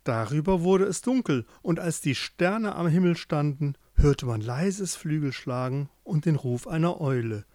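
A man narrating a fairy tale in an expressive storytelling manner. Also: a little high, a little slow, hardly any pauses, no echo, clean studio sound.

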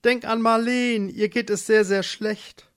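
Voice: mid-range voice, steady tone, unhurried, smooth, dry recording, clean studio sound, voice pushed up, close to an everyday voice. A storyteller voicing an impatient, pushy male mole who talks in an urgent, bossy way, for a children's storybook.

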